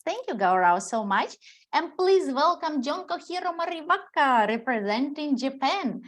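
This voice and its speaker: A woman hosts a startup pitch event over video, introducing each judge with upbeat thanks. Her voice sits a little high. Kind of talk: online event hosting.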